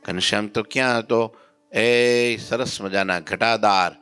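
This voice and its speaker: Male preacher telling a devotional story, chants verses, quizzes listeners, soft music under him. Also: on the low side, clear, resonant tone. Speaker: religious preacher. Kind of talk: devotional katha sermon.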